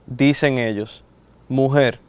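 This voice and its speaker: Slow, smooth-voiced man reading scripture. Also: mid-range voice, fairly even intonation, no room sound. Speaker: scripture reader. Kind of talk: reading the Gospel aloud.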